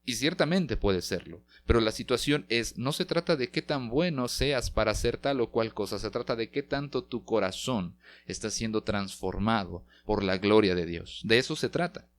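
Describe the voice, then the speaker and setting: A man's voice: fairly low pitch, normal speed. A man, a pastor, preaching a podcast sermon and acting out quoted prayers and lines with dramatic shifts, speaking straight to the listener.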